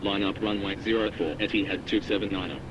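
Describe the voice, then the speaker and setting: A man's voice: lowish voice, steady tone, fast, noisy background. A man speaking as an airline pilot over a cockpit headset radio, giving clipped radio readbacks. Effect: pilot radio heard through a cockpit headset. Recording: muffled radio channel.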